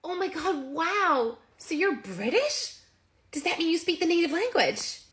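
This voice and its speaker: A woman's voice: very high-pitched, sing-song, a little slow, a bit bright, pitched above the performer's own voice, full character voice. A woman voicing a gushing, clueless young American woman with a put-on American accent.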